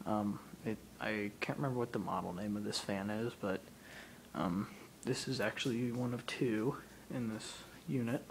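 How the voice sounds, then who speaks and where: A man's voice: lowish voice, moderate pace, gravelly. Man rambling through a handheld fan tour. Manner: relaxed, rambling with many ums. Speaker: ceiling fan video maker. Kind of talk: casual handheld video tour. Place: condo apartment indoors, then outdoors on a high balcony. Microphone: handheld camera mic. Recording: noisy handheld camera audio.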